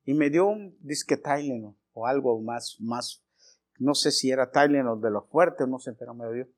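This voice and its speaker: A man's voice: mid-range voice, normal speed. A male pastor giving a storytelling sermon, addressing the congregation as brothers and growing emphatic as he preaches. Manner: personal anecdote, addresses congregation as brothers, grows forceful and emphatic.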